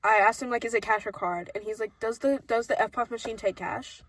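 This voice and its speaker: A woman's voice: fairly high pitch, steady tone, a little fast. A young woman co-hosting a casual chat, animatedly acting out customers with sarcastic jabs. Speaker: podcast co-host.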